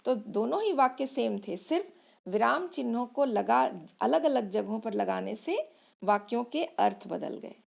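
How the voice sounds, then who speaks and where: A woman teaches a grammar lesson to schoolchildren, patient and unhurried. Her voice sits a bit high and carries a gravelly rasp. She reads example sentences aloud and explains each point carefully. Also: animated, a little mellow. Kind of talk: Hindi grammar lesson for children.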